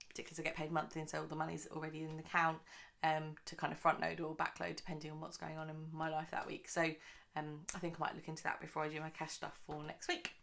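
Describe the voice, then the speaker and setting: On her budgeting channel, the host chats in a rambling manner full of fillers, sounding slightly croaky since it's early morning. Her voice is low yet fairly bright in tone.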